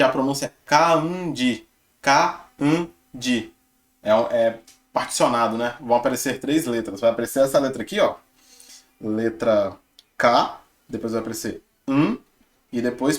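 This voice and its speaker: A young man, casually walking viewers through his notes on learning Japanese and chatting with lots of tag questions. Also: mid-range voice. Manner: chatty, relaxed, filler-heavy with tag questions. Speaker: channel host sharing his Japanese study. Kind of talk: casual screen-share walkthrough.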